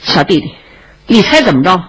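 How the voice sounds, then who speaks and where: A woman voicing a kind, chatty young male swordsman who coaxes and brags, with a raspy voice. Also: on the low side, big pitch swings, fairly quick, a bit bright, heavily acted, low-quality recording. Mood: boastful. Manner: coaxing, chatty, a bit boastful.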